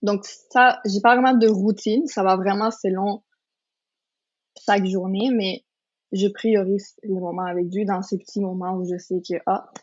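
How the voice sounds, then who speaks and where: A woman's voice: medium pitch, fairly even intonation, normal speed, a little mellow. A woman in her twenties from Colombia, sharing her personal faith story as a podcast guest in an earnest, casual way with many fillers and restarts. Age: 20s. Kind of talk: casual testimony chat. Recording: slightly dull lo-fi sound.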